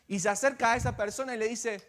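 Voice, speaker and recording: A man pastor delivering an Easter sermon as dramatic storytelling, swinging between loud passages and hushed ones. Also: very high-pitched, steady tone, quick pace. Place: church sanctuary. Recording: long church-hall reverb.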